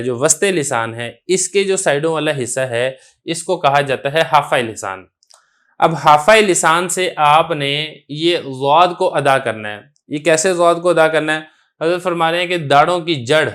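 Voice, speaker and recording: Slightly high-voiced man teaching patiently. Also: fairly bright tone. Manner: patient, explanatory, asks and answers own questions; sustains a drawn-out letter sound when demonstrating pronunciation. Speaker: Quran recitation teacher. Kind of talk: religious lesson lecture.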